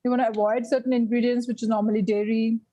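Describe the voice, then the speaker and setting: Speaking quickly with a flat, mellow delivery and a slightly high voice, a guest vegan baking instructor leads a casual live online class. Hesitant and prone to laughing, she fills her speech with restarts and fillers; the video-call recording is rough.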